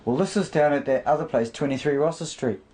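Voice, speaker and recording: Fast and fairly high-pitched with a slightly mellow tone, this New Zealand man gives a casual, emphatic, rambling tour of his home and pets. The footage is amateur and noisy, filmed on location.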